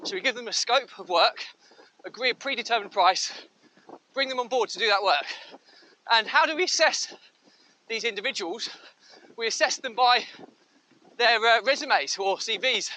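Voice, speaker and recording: A man's voice: high-pitched, pushed and bright. A man vlogging while running into a headwind outdoors, giving business advice with frequent ums and uhs, his voice fuzzed by wind distortion on the mic. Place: outdoors, windy.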